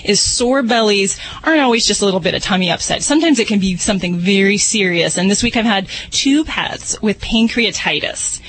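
A woman's voice: mid-range voice, expressive, brisk, few pauses, fairly bright tone, breathy edge, low-quality recording. A woman speaking as a radio veterinarian, explaining things in a casual, conversational way. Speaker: veterinarian radio host giving advice.

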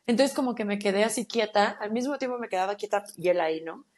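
Mellow-voiced Mexican woman telling a story. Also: medium pitch, fast talker. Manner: animated, slangy, acts out her own quotes. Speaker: podcast guest. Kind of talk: casual storytelling chat.

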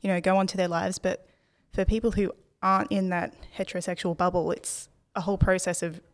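Lower-voiced woman hosting a podcast. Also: level tone, fairly quick. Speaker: podcast host. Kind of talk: podcast interview.

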